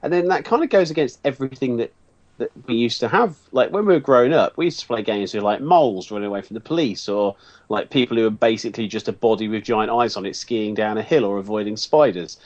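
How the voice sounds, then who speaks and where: A man's voice: medium pitch, fast, darkish tone. A man co-hosting a casual podcast, talking with enthusiastic, nostalgic musing. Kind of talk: casual chat about games.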